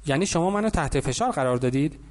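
A man's voice: a little high, animated, close to an everyday voice. A man voicing a young boy who is angry but curious in an audiobook. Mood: defiant.

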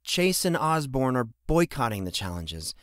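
A man's voice: medium pitch, big pitch swings, moderate pace, a bit bright, no room sound, studio quality, pitched above the performer's own voice. A man voicing a spirited young woman who talks eagerly with her father.

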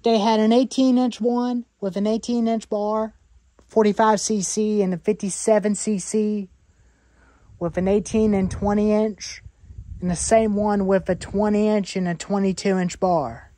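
This twentysomething chainsaw vlogger gives a meandering workshop tour of saw parts in a messy garage, repeating herself as she lists pieces. Her medium-pitched voice is steady, mellow and unhurried, with no echo.

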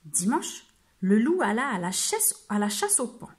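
A woman telling a storybook to young children, reading in a gentle, slow voice. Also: on the high side, sing-song.

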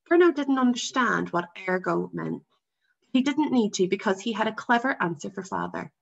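A woman teacher reading a novel aloud to her class, with expressive storytelling, in a dull lo-fi recording. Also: medium pitch, normal speed, gravelly, breathy edge.

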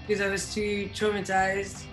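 A young French woman with a French accent, a band singer, chats casually in an interview over a video call from an indoor room by a window. Her mid-range voice is completely flat and moves at normal speed, with roomy echo and music in the background.

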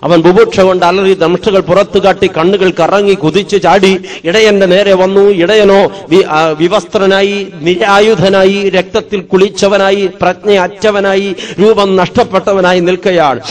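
Here is a male priest preaching a sermon as a vivid, dramatic story. His voice sits high for a man. He drives the story forward with emphatic repetition. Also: steady tone, normal speed.

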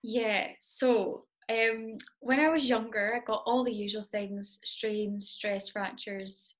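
A woman's voice: mid-range voice, fairly even intonation, takes it slowly. A young woman answering interview questions about her dancing in a chatty, self-deprecating way, with plenty of ums. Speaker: interview guest, competitive Highland dancer.

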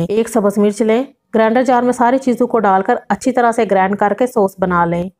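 Woman narrating a home recipe. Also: medium pitch. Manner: steady step-by-step instructions with measured quantities. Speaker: cooking channel host.

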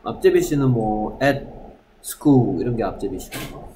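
A man's voice: mid-range voice, animated, slow, dark tone, slight background noise. A male English teacher who runs a class lesson, drilling words aloud and putting questions to his students.

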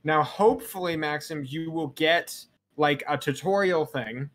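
A man's voice: fairly high pitch, unhurried, fairly bright tone. A man hosting a group game stream over voice chat, teasing his friends in casual talk. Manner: teasing, playful.

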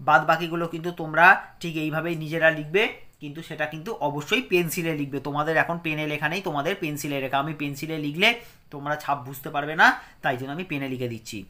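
A man with a West Bengal accent leads a reading lesson for small children. His voice is bright and sits a little high. He spells words out slowly, one syllable at a time. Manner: slow syllable-by-syllable spelling aloud. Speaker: primary school teacher.

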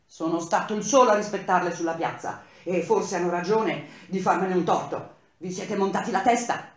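A man voicing an irate, stern male construction engineer who shouts indignantly. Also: on the high side, slow pace. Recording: very echoey room.

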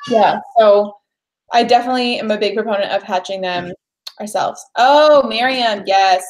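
Chatting on a home livestream, a twenty-something woman speaks bubbly and filler-heavy in a mid-range voice at normal speed. Her webcam sits at desk distance in the living room, and the rough audio has a crowd audible behind her.

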